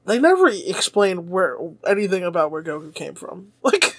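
A man's voice: high voice, very animated, moderate pace, no echo, clean studio sound. A man co-hosting a podcast, chatting casually, laughing often and swearing freely. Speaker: podcast co-host.

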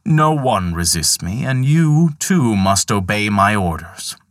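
A man voicing Death in a spoken folk tale, speaking in a slow, measured, solemn way. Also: fairly low pitch, big pitch swings, dry recording, clean studio sound. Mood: commanding. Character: Death, stern male personification of death.

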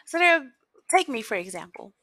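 A woman's voice: high-pitched, very animated, normal speed, pushed and bright, no echo. A woman around thirty, a podcast guest in casual chat who laughs often and pokes fun at herself. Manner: laughs often, chatty and self-mocking.

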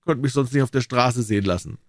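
A man's voice: medium pitch, quick pace, dry recording, clean studio sound, lightly acted. A man voicing an earnest young man who is easily embarrassed, talking in a flustered way, in a storybook reading. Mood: dismayed.

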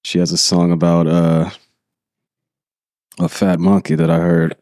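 Man, American accent, hungover, low-pitched, soft dark tone, casual podcast host. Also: completely flat delivery, measured pace, no echo, clean studio sound.

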